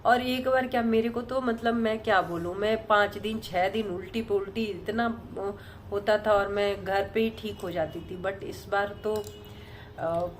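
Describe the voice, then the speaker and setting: A woman vlogger telling a personal story in a casual, rambling way, softly and with many fillers and restarts. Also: mid-range voice, steady tone, unhurried, a little hiss or hum.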